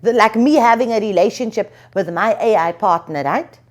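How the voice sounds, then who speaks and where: A woman attorney explaining legal points in an interview, measured and thinking aloud with frequent fillers. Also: medium pitch. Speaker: attorney and lecturer, interview guest.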